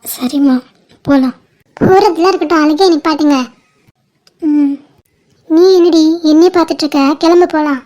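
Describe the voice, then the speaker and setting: A woman with a high voice performing every female role in a home-made family cartoon. Her delivery is emotional and pleading, full of sisterly affection. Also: normal speed, long pauses, mellow. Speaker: cartoon creator voicing all female roles. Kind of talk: family drama voice acting.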